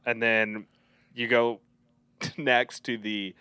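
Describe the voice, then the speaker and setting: A young man on a podcast mic, speaking in a bright, clear, fairly low voice. He talks through film scenes one by one, quoting lines with real feeling. The sound is close and dry. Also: flat delivery, drawn-out words, no echo. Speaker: podcast co-host. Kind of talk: casual podcast chat.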